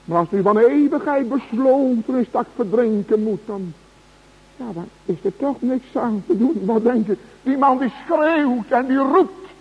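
Slow, high-voiced preacher, husky. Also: male voice. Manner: slow, solemn preaching with emphatic cries. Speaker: pastor. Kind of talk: sermon. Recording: dull radio broadcast in a large hall.

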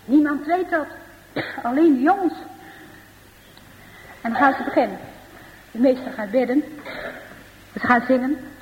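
A woman, likely older, telling a children's Bible-school story in a lively way, voicing the characters and often adding little tag questions. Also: high-pitched, measured pace, pauses often, slight background noise. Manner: lively, with frequent tag questions and voiced dialogue. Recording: dull recording in a reverberant hall.

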